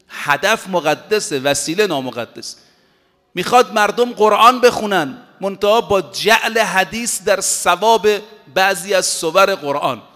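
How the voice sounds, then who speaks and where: A male preacher delivering a sermon with emphatic conviction, drawing out his Arabic quotations word by word. His voice sits high and sounds bright and forceful. The sound rings with a long reverb, as if from a large hall. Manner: emphatic, recites Arabic quotations slowly and deliberately.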